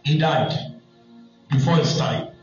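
A pastor with a Nigerian accent delivers a sermon in a high voice and mixes humorous stories into his preaching. He is heard from a distance in a strongly echoing church hall. The sound is dull and muffled, and soft music plays underneath. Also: takes it slowly.

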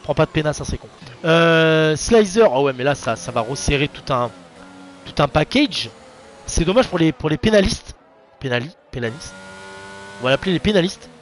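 A young man giving casual, excitable live commentary on an online racing league, chatting to his viewers in a slangy, informal way. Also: on the high side, normal speed, a little hiss or hum. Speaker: race commentator and streamer.

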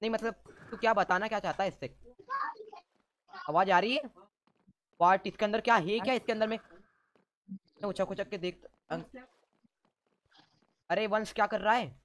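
A man giving excited let's-play commentary as a gaming YouTuber, teasing and ordering his teammates around. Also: sits high, moderate pace, pauses often.

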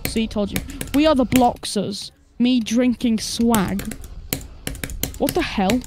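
A high-voiced woman chatting on a live game stream. She teases and jokes in quick bursts, and keyboard typing clicks along under her voice at the desk. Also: noisy background. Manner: playful, teasing, quick bursts of excitement.

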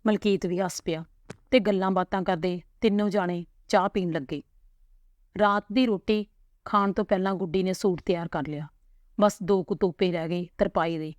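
A woman with a low, steady voice reads a family story aloud, calm and unhurried. The recording is close and dry, with no room around it. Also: no echo. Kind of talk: storytelling narration.

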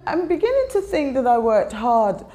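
An older woman from Guyana with a Guyanese accent, reflecting in a documentary interview, pausing and restarting often. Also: high voice, big pitch swings, dark tone, faint music behind. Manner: reflective, many pauses and restarts.

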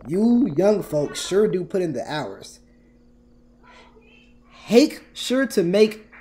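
A man voicing an older male night janitor in a video game, speaking slowly in a folksy way. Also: fairly high pitch, warm tone, slight background noise, pitched above the performer's own voice, heavily acted.

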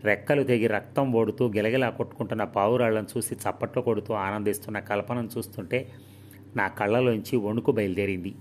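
A man voicing an earnest young male doctor in a storybook reading, speaking softly and persuasively. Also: lowish voice, a little hiss or hum, natural voice.

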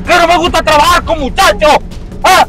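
An actor playing a rough, bossy male kidnapper who barks orders and taunts, over background music. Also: extremely high pitch, steady tone, normal speed, bright, forceful tone. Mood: taunting.

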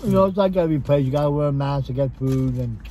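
A man's voice: mid-range voice, quick pace, warm tone, slight background noise. An older man, a father co-hosting a food review and chatting easygoing while eating in a parked car, picked up by a dashboard camera. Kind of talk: casual chat in a car.

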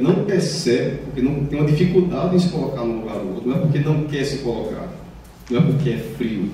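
A man's voice: fairly high pitch, dark tone. A man from Paraíba, a child psychiatrist with a Paraíba accent, giving an explanatory lecture in a municipal hall and acting out quoted children and parents. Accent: Brazilian Portuguese, Paraíba. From Paraíba, Brazil. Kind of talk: public health lecture. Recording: very echoey hall from far off, faint noise.

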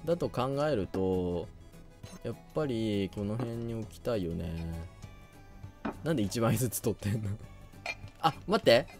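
A man's voice: fairly low pitch, expressive, moderate pace, creaky, faint music behind. Chatty young man thinking aloud. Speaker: game commentator. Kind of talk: casual let's play commentary.

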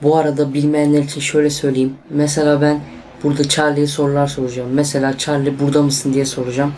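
A young man vlogging casually to camera, tense and excitable, talking to his viewers as friends. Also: on the high side, quick pace, a little hiss or hum. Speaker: YouTuber.

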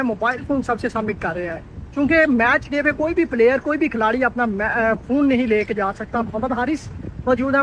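A male sports reporter narrates arrivals outdoors beside a bus, one name after another. His voice sits very high for a man. Faint street and engine noise hangs in the background. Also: fairly bright tone, low-quality recording. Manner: running play-by-play narration of arrivals. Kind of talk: live on-location commentary.

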